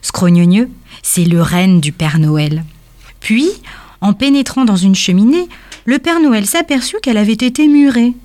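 A woman reading a children's storybook aloud in a calm, measured way. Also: mid-range voice.

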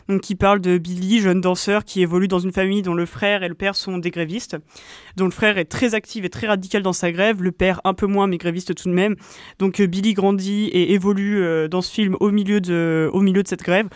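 Une jeune femme, co-animatrice d'une émission de radio, qui explique un sujet en hésitant souvent. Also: female voice, medium pitch, fairly even intonation, fairly quick, no echo, studio quality. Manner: hesitant, many fillers. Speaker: co-host. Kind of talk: radio show presentation.

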